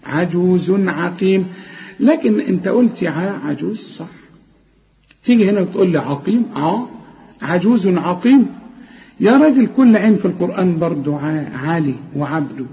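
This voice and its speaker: A man with an Egyptian accent teaching Quran recitation, correcting a student's pronunciation and repeating words slowly and drawn out. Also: high-pitched, lively intonation, mellow, lo-fi sound. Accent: Egyptian Arabic. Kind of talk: tajweed correction lesson.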